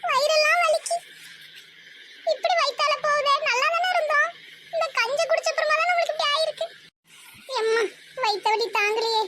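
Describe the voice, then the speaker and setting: A woman's voice: very high voice, normal speed, pauses often, voice pushed up. A woman voicing a sulky, dramatic grown daughter, whining and complaining in a cartoon. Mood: whiny. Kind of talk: cartoon voice acting. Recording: loud background noise.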